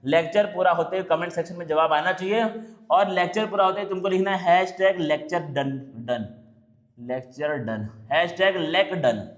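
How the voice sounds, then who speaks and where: A young man teaching an exam-prep biology lesson, asking himself rhetorical questions and answering them, and reading English terms out slowly. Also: sits high. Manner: mixes Hindi with English technical terms, reads options slowly.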